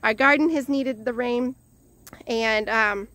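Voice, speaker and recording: This woman's voice is a little high, pushed and bright, and she takes her time. A home gardener vlogger from Northwest Illinois, she tours her vegetable garden outdoors on foot, slightly out of breath, sounding cheerful, thankful and chatty, with frequent restarts.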